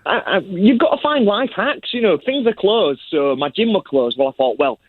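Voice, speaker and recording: Male Yorkshire radio show caller, high animated voice, cheerful and blunt, tinny phone sound. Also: normal speed. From Leeds, England. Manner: cheerful, blunt storytelling with acted-out quotes. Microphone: phone call. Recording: tinny narrow phone line.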